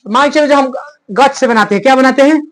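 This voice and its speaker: A man's voice: extremely high pitch, fast, fairly bright tone. A man teaching a Sanskrit grammar lesson in plain, rustic talk. He keeps asking a question and then answering it himself as a drill. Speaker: Sanskrit tutor.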